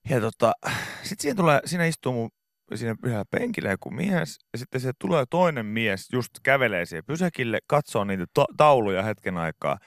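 A man's voice: medium pitch, lively intonation, gravelly, no room sound. A male morning radio host casually telling an anecdote in a rambling way, with many fillers, on a studio microphone. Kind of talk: casual studio chat, storytelling.

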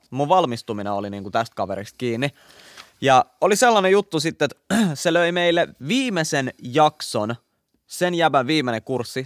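Animated young man telling a story. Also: mid-range voice, dry recording, clean studio sound. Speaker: podcast co-host. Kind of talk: casual storytelling chat.

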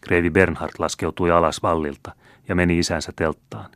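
A man reading a classic novel aloud as an audiobook narrator, in a measured, even storytelling manner. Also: low voice, no room sound. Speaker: audiobook reader.

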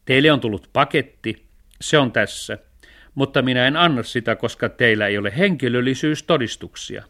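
A man's voice: mid-range voice, sharp tone. A man voicing a nosy, fussy village postman in a radio storybook reading, pedantic and officious.

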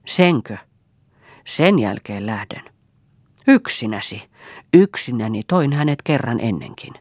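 A woman's voice: a bass voice, lively intonation, darkish tone, no echo, studio quality. A woman voicing a stubborn peasant man who speaks in short, heavy, grim lines. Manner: terse, heavy, panting.

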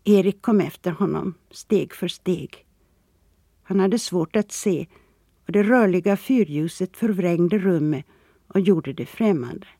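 An audiobook narrator reading fiction in an even, steady way, mid-pitched for the voice. The sound is close and dry, with no room behind it. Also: no room sound. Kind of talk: scripted narration.

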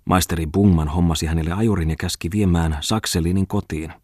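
Man, audiobook narrator, measured reading, low voice, dry close sound. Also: fairly even intonation, a little mellow, breathy edge, dry recording. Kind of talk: scripted narration.

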